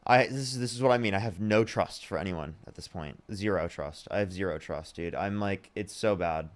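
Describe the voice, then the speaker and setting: A young adult man hosts a live-streamed debate in a deep, fairly quick voice. He talks bluntly and repeats his screening questions to each new guest.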